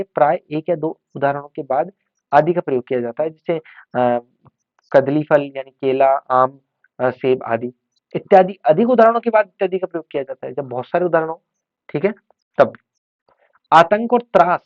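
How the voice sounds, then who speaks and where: A man's voice: a little high, dry recording. Man teaching exam prep, tinny dry sound. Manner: explains and repeats words to drill them.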